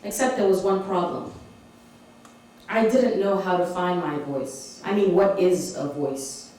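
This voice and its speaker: A woman's voice: on the low side, a little slow, dark tone, distant mic. Woman author speaking in an echoey hall. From Malawi. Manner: engaging, asks audience questions, laughs often. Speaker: author giving a talk. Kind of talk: public author talk. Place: community hall. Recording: echoey hall recorded from afar.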